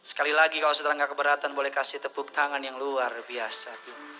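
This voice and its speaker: A middle-aged man from Indonesia preaching a sermon as pastor, swinging from loud, high-pitched calls to hushed, near-whispered words and slipping English phrases in. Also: little pitch movement, fast, faint music behind, poor audio.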